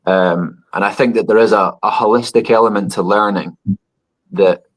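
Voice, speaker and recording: A man's voice: on the low side, fairly even intonation, moderate pace. A man in his thirties, a dog trainer guesting on a podcast, answering thoughtfully with frequent restarts. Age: 30s. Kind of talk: conversational podcast interview.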